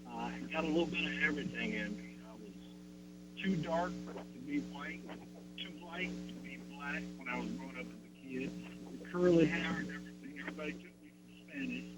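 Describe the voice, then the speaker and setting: A man in his sixties calling in to a radio show over the phone, telling his story slowly and reflectively, with pauses. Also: on the high side, animated. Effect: voice heard over the phone. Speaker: radio call-in caller. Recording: phone line with loud hum.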